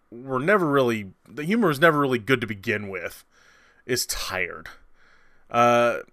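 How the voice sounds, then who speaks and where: A man's voice: medium pitch, sharp tone, smooth, no echo, clean studio sound. A man hosting a casual movie review, rambling and conversational with many fillers and restarts, and sarcastic at times.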